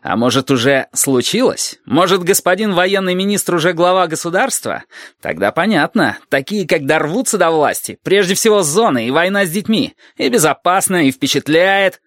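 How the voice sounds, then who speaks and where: A man's voice: mid-range voice, expressive, normal speed, dry recording, clean studio sound, voice pushed up, natural voice. A man doing an indignant, combative civilian. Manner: indignant, barely restrained. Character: irritable sharp-tongued civilian man, combative.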